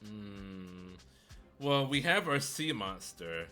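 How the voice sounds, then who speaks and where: A man streaming a game with a fairly low yet bright, forceful voice. He comments casually and thinks aloud, with soft music behind him. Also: expressive, slow.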